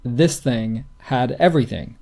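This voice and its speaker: A man's voice: medium pitch, animated, a little slow, vocal fry, mellow. Matter-of-fact man co-hosting a podcast. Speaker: podcast co-host. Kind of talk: casual chat.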